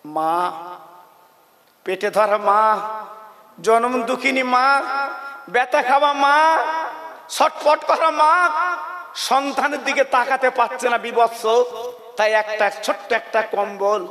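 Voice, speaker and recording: High, chanting preacher in an echoey hall. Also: male voice, takes it slowly, long pauses, bright, forceful tone. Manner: chanting, repetitive and tearful. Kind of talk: sung, emotional sermon storytelling.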